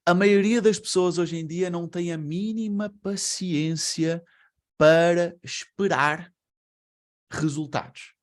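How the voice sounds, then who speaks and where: This webinar speaker's voice sits high and he takes his time. He was born in Brazil, has a European Portuguese accent, and talks to his online audience conversationally while asking rhetorical questions.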